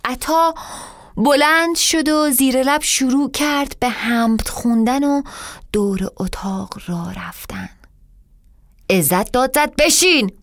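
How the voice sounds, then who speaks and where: A woman's voice: high-pitched, dry recording, clean studio sound. A woman reading her own story aloud dramatically, sometimes dropping to a whisper. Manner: dramatic, drops to a whisper at times. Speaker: storyteller and author. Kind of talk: scripted story narration.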